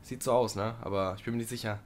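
A young man doing casual let's play commentary, chatting to the game creature and sometimes swearing loudly. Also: fairly low pitch, steady tone, fast, slight background noise.

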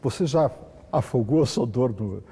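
A man's voice: medium pitch, expressive, moderate pace, mellow, husky. A middle-aged man with a Brazilian accent, hosting a conversational celebrity interview. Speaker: television host, interviewer. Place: indoor hotel room set up for interview.

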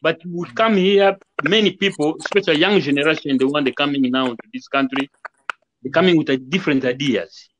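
A man's voice: a little high, brisk, a bit bright, slight background noise, low-quality recording. A man guest speaking earnestly over a video call, repeating points and acting out quoted greetings. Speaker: guest musician. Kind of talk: casual interview talk over video call. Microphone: video call webcam.

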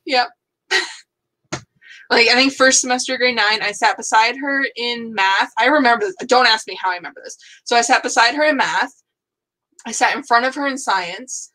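Bright-voiced young woman telling stories. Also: fairly high pitch, normal speed. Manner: chatty storyteller, acts out her own reactions. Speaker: co-host of writing sprint stream. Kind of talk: casual chat.

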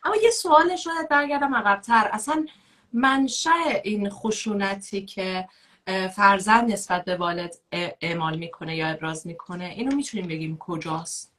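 A woman hosting an interview in a measured way, reading out viewer questions. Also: mid-range voice, a bit bright. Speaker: host.

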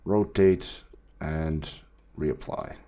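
Male tutor, very deep voice, relaxed screen-capture walkthrough with frequent fillers. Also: drawn-out words. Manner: relaxed, with many fillers and restarts. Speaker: 3D art tutor. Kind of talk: screen-recorded software tutorial.

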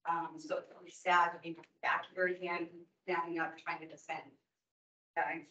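In a large meeting room, a woman in her fifties who works as an esthetician in Oregon delivers a heartfelt, forceful public comment to a licensing board. Her lowish voice is level and sharp at a normal speed, and the distant room mic makes the recording sound roomy and dull.

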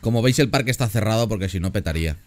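A man giving casual, excitable commentary while playing a zoo game, often repeating words in quick bursts. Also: on the low side, no echo. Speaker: gaming YouTuber reacting to a zoo build.

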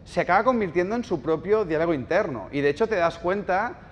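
A man's voice: sits high, expressive, brisk, dull audio, a little hiss or hum. Man lecturing in a reverberant hall. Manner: storytelling, ironic, asks the audience questions. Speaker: speaker at a live talk. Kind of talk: live lecture. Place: bookshop event space with audience.

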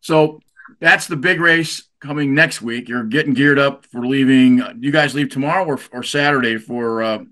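A man's voice: medium pitch, normal speed, bright, forceful tone. A man hosting a sailing show, chatting casually with guests at a marina and often repeating words as he thinks. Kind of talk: casual interview.

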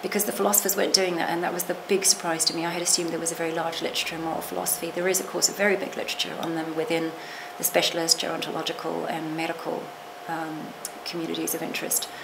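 In a small lecture room, a seated middle-aged literature professor answers interview questions reflectively, her low, gravelly voice racing along flatly with few pauses. She keeps qualifying herself with asides and restarts. The recording is noisy.

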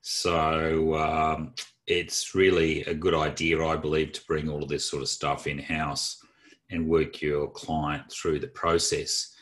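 A very deep man talks in a flat, even tone, yet his voice stays bright and forceful. He rambles openly to fellow professionals, full of ums and restarts. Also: takes it slowly. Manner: open, chatty, many fillers and restarts. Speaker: presenter of a training session for advisers. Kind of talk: casual, rambling talk to colleagues.

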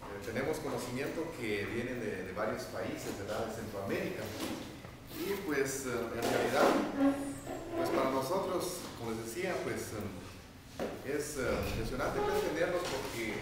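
A middle-aged mayor speaking to his guests in a hesitant, filler-heavy way, his voice at an ordinary pitch. The sound is noisy and comes from across a room with strong echo. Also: lively intonation, a little slow. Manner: hesitant, many fillers and tag questions. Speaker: town mayor welcoming visitors. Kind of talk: informal welcome speech. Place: medium indoor meeting room. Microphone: far camera. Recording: echoey room, noisy, from far off.

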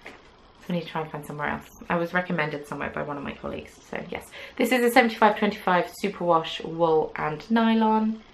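A young woman with a creaky, lowish voice talks fairly quickly while hosting her knitting podcast to a camera at desk distance. Her casual chat rambles along with many "um"s and playful asides. She's in a small indoor craft room with yarn shelves, and the rough recording has a little hiss or hum.

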